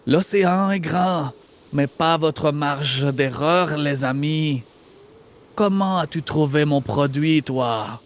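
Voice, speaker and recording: Man doing a menacing AI villain voice. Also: fairly high pitch. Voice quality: artificial, menacing, slow. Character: villainous AI voice with Franco-German accent.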